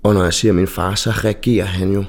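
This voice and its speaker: Deep-voiced man, halting and shaken. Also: steady tone, vocal fry. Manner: halting, repeats and restarts phrases. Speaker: interviewee, bereaved brother. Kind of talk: emotional recollection.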